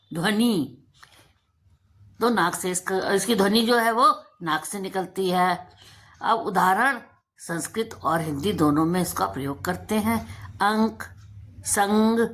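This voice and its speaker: A woman's voice: mid-range voice, a bit bright. A woman teacher giving a lesson to children, drawing out example words and asking and answering her own questions. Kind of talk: slow, deliberate Hindi lesson for children.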